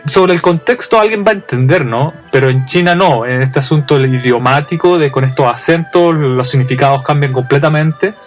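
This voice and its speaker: Chatty Chilean man, slightly high voice. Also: normal speed, few pauses, faint music behind. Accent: Chilean Spanish. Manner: chatty and humorous, frequent restarts and fillers. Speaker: podcast host. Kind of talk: casual storytelling monologue.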